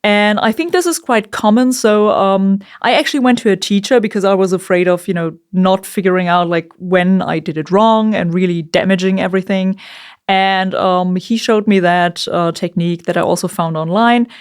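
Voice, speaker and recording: Woman vocalist, clean clear tone, mid pitch, informal chatty tutorial delivery. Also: normal speed. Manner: informal, chatty, occasional swearing. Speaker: vocalist giving a screaming tutorial. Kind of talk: casual instructional talk.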